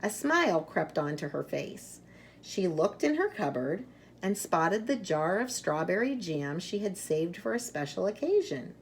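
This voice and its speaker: A woman reads a children's storybook very slowly, her slightly low voice carrying a creaky edge. She's expressive, stressing key words and pausing for young listeners, with a little hiss or hum in the background.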